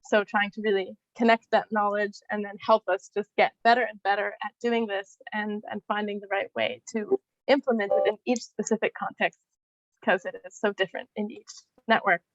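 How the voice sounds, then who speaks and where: A woman's voice: mid-range voice, little pitch movement, normal speed, dry recording, lo-fi sound. A woman speaking on an online panel over a video call, talking loosely with many fillers and restarts.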